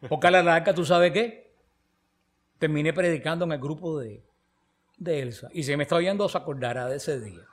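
The man's voice is on the high side and slightly fast. As a preacher in a conversational Bible teaching, he tells stories vividly, voicing the dialogue himself.

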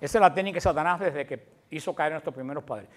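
A man's voice: a little high, quick pace. Man preaching, conversational and questioning. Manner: conversational, asks the congregation questions. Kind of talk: sermon.

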